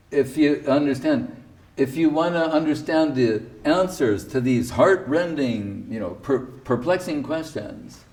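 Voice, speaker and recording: A man's voice: mid-range voice, darkish tone, far from the mic. A man giving an informal spiritual talk, telling stories about his teacher with wry asides. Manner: anecdotal, wry asides, quotes others. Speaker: speaker recounting his guru's teachings.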